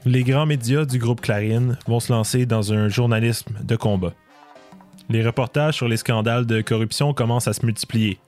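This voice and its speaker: A man delivering scripted documentary narration in a measured, explanatory way. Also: medium pitch, a little mellow. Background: faint music.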